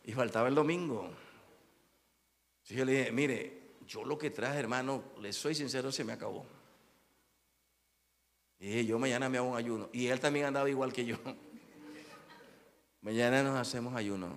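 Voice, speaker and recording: A man preaching as a bishop, telling a personal story and often calling out to his listeners, moving from quiet asides to loud exclamations. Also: mid-range voice, big-room sound. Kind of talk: sermon with personal testimony.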